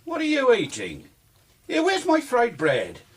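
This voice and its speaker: An actor playing a grumpy, sarcastic middle-aged police sergeant in a radio drama, gruff and bossy. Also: male voice, very high-pitched, huge pitch swings, measured pace, a little hiss or hum, full character voice.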